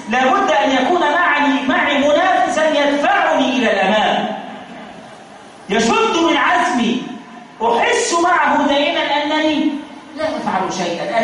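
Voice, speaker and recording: A man's voice: very high-pitched, fairly bright tone. An Egyptian man preaching a sermon, firing rhetorical repeated questions and mixing formal and colloquial speech. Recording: very echoey, distant mic, faint noise.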